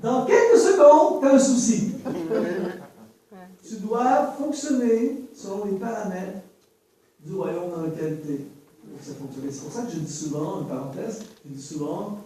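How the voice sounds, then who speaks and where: A man with a Canadian French accent, from French Canada, preaching to a worship team in a lively, joking way, repeating key phrases. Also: high-pitched, measured pace. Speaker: worship teaching speaker. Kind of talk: sermon. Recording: very echoey room, voice from far off.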